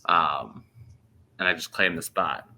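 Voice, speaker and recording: A man in his thirties casually telling a hunting story on a podcast, animated and laughing as he goes. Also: deep voice, slow. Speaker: podcast host.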